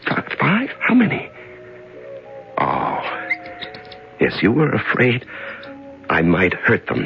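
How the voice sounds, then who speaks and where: A stammering prisoner gone half mad. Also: male voice, very deep voice, creaky, heavily acted. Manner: halting, stammering, tender then trembling. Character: man shaken after weeks locked in darkness. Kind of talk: 1970s radio drama acting. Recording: dull old radio broadcast.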